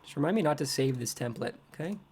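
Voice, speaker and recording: A man's voice: on the high side, animated, fast, a little mellow, slight background noise. A man chatting casually on a trading livestream, rambling and poking fun at himself as he reacts to his screen. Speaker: crypto trading streamer.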